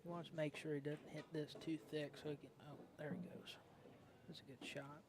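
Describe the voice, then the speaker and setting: A man's voice: a little high, little pitch movement, brisk, background noise. A man giving casual, folksy co-commentary on a pool match. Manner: folksy, colloquial. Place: indoor pool hall. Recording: busy pool hall crowd behind.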